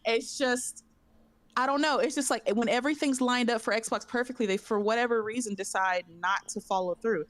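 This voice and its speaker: A woman hosting a casual gaming podcast, ranting in an animated, exasperated way with stammered, repeated phrases. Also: on the high side, normal speed, no echo. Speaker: podcast host.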